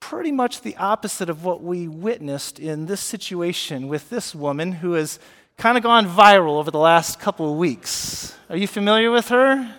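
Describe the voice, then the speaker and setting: A man preaching a sermon as pastor, animated and often asking his congregation questions. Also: sits high, normal speed, long reverb tail. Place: church sanctuary.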